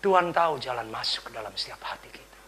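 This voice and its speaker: A man preaching a dramatic sermon, retelling a story and acting out its voices, dropping to whispers and rising to shouts. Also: mid-range voice, animated, fast talker. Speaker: pastor.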